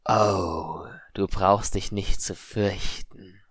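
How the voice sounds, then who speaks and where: A man putting on a cold, menacing voice that speaks from the shadows, hissing each word slowly and deliberately. It sits rather low, recorded close and dry in an audiobook reading. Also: fairly even intonation, husky, dry recording, exaggerated voice. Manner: slow, hissing, quietly threatening. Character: eerie unseen whispering voice, cold and menacing.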